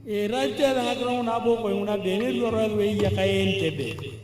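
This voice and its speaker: A man interpreting a speech live at a rally, in a measured, sometimes sing-song delivery. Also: high-pitched, darkish tone. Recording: distant echoey PA with long reverb.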